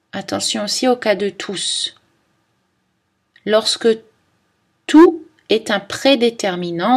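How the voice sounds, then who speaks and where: A woman teaching French pronunciation in a scripted lesson, reading word lists one by one in a careful, measured way. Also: medium pitch.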